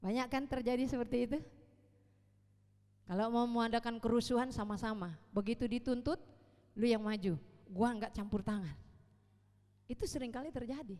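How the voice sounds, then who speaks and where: Woman preacher, East Kalimantan Indonesian accent, high voice, animated and questioning, church reverb. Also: normal speed, long pauses. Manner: animated, rhetorical questions to the congregation. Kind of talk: sermon. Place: church hall. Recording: long reverb of a church hall.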